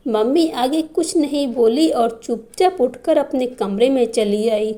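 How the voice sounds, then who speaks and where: A woman reading a first-person family story as scripted narration, in a slow, even telling. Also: high-pitched.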